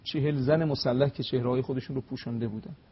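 A husky-voiced man speaks as a scholar guest, recounting religious history with emphatic peaks. He slows deliberately whenever he recites Arabic. The sound is slightly dull, like muffled broadcast audio. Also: medium pitch, steady tone. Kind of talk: storytelling lecture on religious history.

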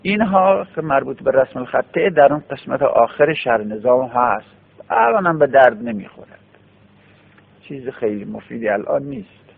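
A man's voice: mid-range voice, very animated, gravelly, breathy edge. A man giving a classroom grammar lecture, explaining patiently step by step and repeating key forms. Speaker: teacher of Arabic grammar. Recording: tinny phone-like radio broadcast.

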